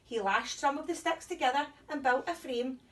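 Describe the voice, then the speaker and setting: High-voiced woman storyteller, slightly distant. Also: normal speed, fairly bright tone. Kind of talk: children's story read aloud.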